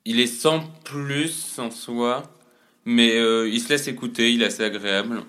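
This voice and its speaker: A man with a bright, forceful voice and a mid-range pitch co-hosts a casual music chat. He answers in short, easygoing bits, often padded with fillers. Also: steady tone, moderate pace. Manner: laid-back, short agreeing replies with fillers. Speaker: podcast co-host.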